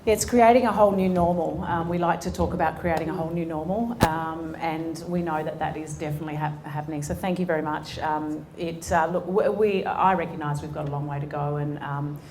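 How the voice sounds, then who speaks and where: A low-voiced Australian woman in her forties talks earnestly on stage, with frequent ums and restarts as she answers. Her voice carries an echo from the event room, with a faint hiss under it. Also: fairly even intonation, brisk, few pauses, a little mellow. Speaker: sports executive and guest speaker. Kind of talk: on-stage conversation. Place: conference room before an audience.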